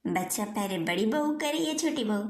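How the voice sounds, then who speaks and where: A woman's voice: mid-range voice, animated, normal speed, close to an everyday voice. Woman doing a firm sensible young wife. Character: sensible young elder daughter-in-law, firm with money. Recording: roomy echo.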